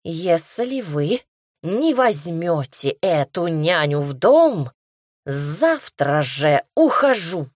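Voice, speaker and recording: A woman puts on a plump, sly ginger cat from a storybook, slow and theatrical. His pleas come out drawn-out and wailing, pitched a little higher than her own voice. The sound is dry and close. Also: sing-song, a little mellow, no room sound, heavily acted. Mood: dramatic. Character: plump ginger talking cat, dramatic and cunning.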